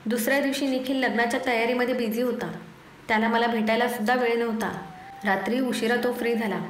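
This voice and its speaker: A woman's voice: on the high side, steady tone, fast talker. A young woman telling a first-person love story as an audiobook narrator, speaking expressively and with feeling. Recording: echoey room, faint noise.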